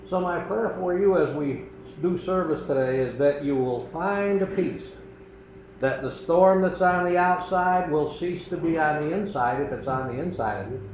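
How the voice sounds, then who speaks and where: An older man preaching a sermon as pastor of a small church, earnest and conversational with pauses. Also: on the high side, darkish tone. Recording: echoey room with faint background noise.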